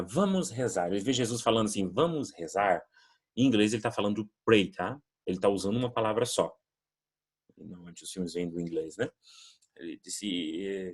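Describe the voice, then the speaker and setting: A man's voice: deep voice, breathy edge. A Brazilian man teaching an English lesson, patiently explaining words and modelling pronunciation drills. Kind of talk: recorded classroom lesson.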